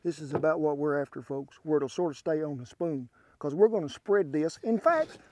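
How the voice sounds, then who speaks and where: Folksy Southern cowboy cook outdoors. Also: male voice, fairly high pitch, expressive, normal speed, background noise. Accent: Southern US (Oklahoma). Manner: folksy drawl, addresses viewers as folks. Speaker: cooking show host. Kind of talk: outdoor camp cooking demonstration. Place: outdoor ranch camp by a pond, windy. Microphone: wireless lapel mic.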